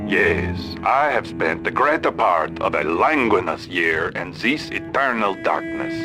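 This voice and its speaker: A pompous, lovelorn French undersea explorer, played by a man. His low voice rises and falls dramatically through grand, slow narration. Music plays beneath him. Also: heavily acted. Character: pompous French male deep-sea explorer, melancholy and lovelorn. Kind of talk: comedy radio sketch.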